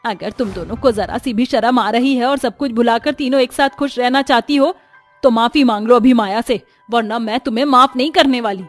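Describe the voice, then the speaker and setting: Stern older mother-in-law voiced by a woman, cartoon story, high-pitched, faint background music. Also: moderate pace, no echo, lightly acted. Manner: scolding, cursing outbursts.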